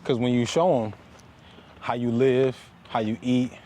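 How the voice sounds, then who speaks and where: Walking up a paved hill outside, a man speaks in a motivational, conversational vlog style, emphatic and building his points through repeated phrases. His voice is medium-pitched, warm, unhurried and fairly even in intonation, and traffic noise fills the recording.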